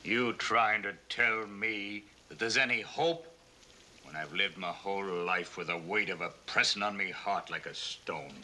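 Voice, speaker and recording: An actor playing a weary sheepherder father who speaks slowly, with a heavy heart, in a 1960s TV western. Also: on the low side, pushed and bright, a little hiss or hum. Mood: bitter, weary.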